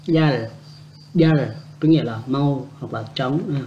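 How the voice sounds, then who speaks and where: A man giving a casual spoken language lesson, repeating example words slowly and adding chatty, joking asides. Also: medium pitch, highs cut off, a little hiss or hum. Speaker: language teacher.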